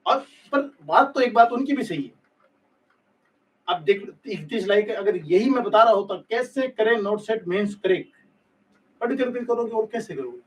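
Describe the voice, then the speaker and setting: A nursing exam coaching teacher lectures in a live online stream, speaking bluntly and scolding his students in a candid rant. His voice sits high and animated at normal speed, but the mic is distant and the audio poor.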